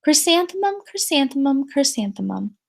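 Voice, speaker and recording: A woman voicing a sensitive, earnest little girl in a storybook, with drawn-out, emphatic words. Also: sits high, very animated, gravelly, heavily acted. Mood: dreamy delight.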